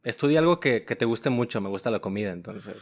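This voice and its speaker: A man's voice: lowish voice, lively intonation, fast talker. A man, a podcast guest talking in an easygoing, casual way and laughing often. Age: 20s. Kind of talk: casual interview chat.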